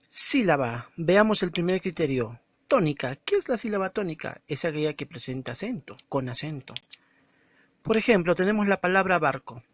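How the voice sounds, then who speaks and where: A male teacher talks through a recorded lesson in a patient, didactic way, drawing out words and stressing each syllable. His voice sits a little high for a man. The sound is dry and close, with no room echo.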